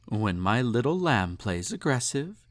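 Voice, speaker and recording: Very animated but a little slow, a man with a mid-range voice acts as a snobby, possessive emperor in an intimate romantic audio roleplay. Indulgent and menacing, he purrs with haughty condescension. The mood is smug, tender and teasing.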